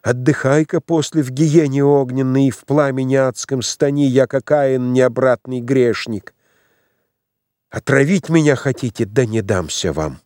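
A man voicing a feverish, delirious young prince who shouts and curses fervently in an audiobook. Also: medium pitch, a little slow, dry recording, clean studio sound, voice pushed up, close to an everyday voice. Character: delirious raging young male tsarevich, feverish.

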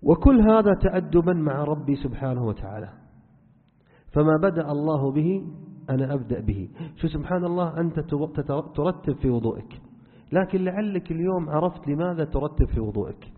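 Earnest sheikh teaching in echoing hall. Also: male voice, a little high, expressive, brisk. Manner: earnest, instructive, addresses listener directly. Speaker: sheikh teaching a religious lesson. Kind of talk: religious lesson, explaining to students. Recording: phone-like band, long hall reverb.

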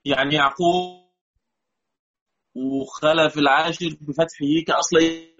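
A man's voice: fairly high pitch, steady tone, unhurried, fairly bright tone, dull audio. A man with an Egyptian accent teaching a recorded lesson on Quranic readings, patiently repeating key words and quizzing his students. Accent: Egyptian Arabic.

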